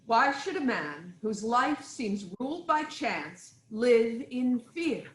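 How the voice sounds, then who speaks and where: An actress gives a formal, deliberate reading of Greek tragedy as a regal queen, a wife who is anxious yet firmly reassuring. Her voice is on the high side and sing-song, with roomy sound and poor audio quality.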